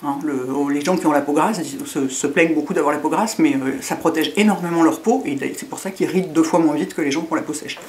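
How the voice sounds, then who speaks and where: A woman's voice: low-pitched, quick pace, few pauses, a little mellow. A middle-aged woman with a lisp and slushy s sounds, chatting casually in a rambling, self-mocking way as a beauty vlogger.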